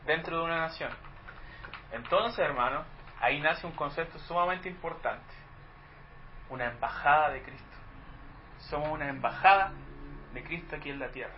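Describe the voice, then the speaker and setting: Chilean preacher guy, fairly high voice, talks to the church like a chat, muffled lo-fi recording. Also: moderate pace, long pauses, slight background noise. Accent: Chilean Spanish. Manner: conversational teaching, rhetorical questions to the congregation. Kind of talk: sermon. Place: church hall.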